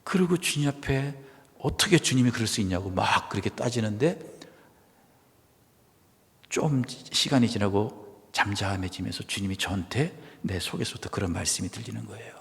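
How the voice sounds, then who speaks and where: A man preaching a sermon as pastor, swinging from loud cries to hushed, whispered asides. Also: on the low side, normal speed, gravelly, big-room sound. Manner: dramatic shifts from loud exclamation to hushed whisper. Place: church sanctuary.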